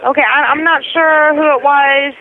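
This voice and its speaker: A woman answering the phone at a restaurant, brisk, confused and impatient. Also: high-pitched, steady tone. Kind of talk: phone conversation. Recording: tinny phone line, busy restaurant.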